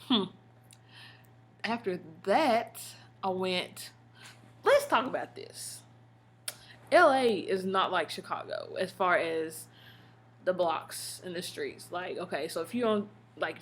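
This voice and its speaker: An American woman telling stories in a casual, slangy vlog style, expressive and full of emphatic asides. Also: lowish voice. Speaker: vlogger. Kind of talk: casual chatty storytelling vlog.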